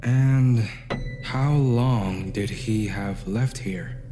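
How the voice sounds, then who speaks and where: A woman playing a steady companion who urges on and reassures a wounded friend in an audio drama. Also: extremely low pitch, very slow, soft background music, heavily acted. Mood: low, probing. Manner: urging, reassuring. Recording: noisy ambience behind.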